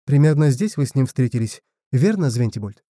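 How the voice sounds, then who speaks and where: A man's voice: medium pitch, expressive, fairly quick, dark tone, dry recording, studio quality, lightly acted. A man voicing Karlman, a serious, troubled young male of a small folk who speaks tensely and earnestly.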